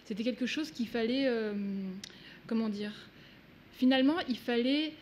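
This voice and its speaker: A woman's voice: a little high, normal speed, a little mellow, a little hiss or hum. Hesitant, reflective woman author. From Russia. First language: Russian. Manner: searching for words, many hesitations. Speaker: author guest. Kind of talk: reflective talk. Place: event hall.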